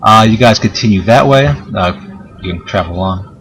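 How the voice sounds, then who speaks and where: Slightly low-voiced male game master. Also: animated, moderate pace, fairly bright tone, a little hiss or hum. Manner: hesitant, chatty, jokey. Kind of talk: casual narration of a tabletop game. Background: background game music.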